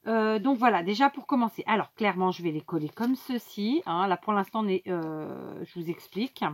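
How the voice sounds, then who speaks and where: A woman hosts a casual craft tutorial, talking directly to her viewers and explaining each step with plenty of fillers and asides. Her medium-pitched voice is animated and moderately paced.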